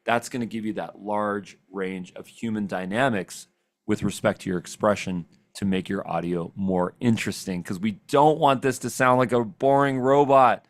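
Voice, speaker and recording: Male trainer, low-pitched, energetic and chatty; dry close sound, live product walkthrough. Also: dry recording. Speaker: software trainer.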